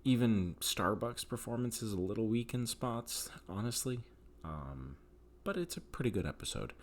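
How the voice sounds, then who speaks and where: A man's voice: fairly low pitch, big pitch swings, normal speed. A man giving a casual, rambling spoken review of a TV episode, candid and opinionated, with many fillers.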